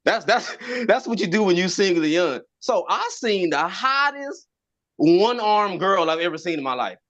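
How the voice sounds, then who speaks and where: A man doing a stand-up set, telling animated stories and often repeating his words as he stammers. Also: high-pitched, moderate pace, muffled recording. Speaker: stand-up comedian.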